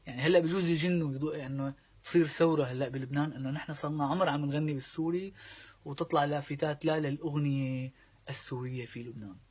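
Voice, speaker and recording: A Syrian man with a Syrian Arabic accent, a singer chatting casually to camera and explaining his point with quick sung examples. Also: on the high side, breathy edge. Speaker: singer and vlogger.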